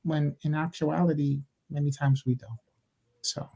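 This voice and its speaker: Animated man on a church panel. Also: fairly high pitch, a little slow, vocal fry, husky. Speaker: panel member.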